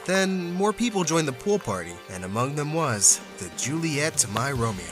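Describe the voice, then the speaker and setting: A man's voice: on the high side, very animated, normal speed. A young man narrating a first-person story in an earnest, dramatic way, from a script. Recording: faint background music.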